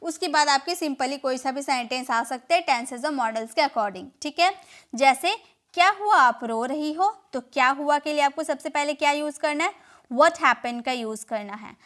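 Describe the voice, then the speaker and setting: A woman with an Indian accent teaching spoken English, repeating each phrase slowly and quizzing the listener. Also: sits high, fairly bright tone.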